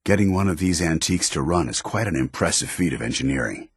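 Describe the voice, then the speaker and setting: An actor playing a stern, dutiful military paladin in a post-apocalyptic video game, speaking formally with clipped authority. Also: male voice, rumbling low, lively intonation, fast talker, slightly rough, dry recording, studio quality, heavily acted. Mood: stern, observant. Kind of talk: video game companion dialogue.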